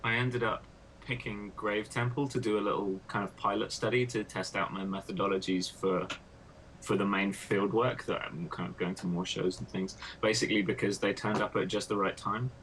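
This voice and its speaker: A man with a lowish voice asks questions in a relaxed research interview, faint noise behind him. He thinks aloud as he goes and strings thoughts together with fillers. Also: normal speed, poor audio. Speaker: interviewer, PhD student.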